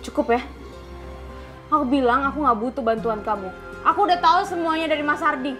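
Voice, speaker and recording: A woman's voice: high-pitched, brisk, a bit bright, soft background music. An actress playing a protective young mother who argues firmly with her husband in a TV drama. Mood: angry. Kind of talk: TV drama acting.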